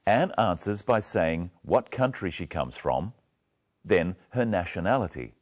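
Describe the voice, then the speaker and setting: A male English teacher walking learners through a lesson, speaking slowly and with great care. His voice is deep, and his intonation moves up and down a lot. He patiently drills the words one at a time. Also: expressive. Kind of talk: slow, clear lesson narration.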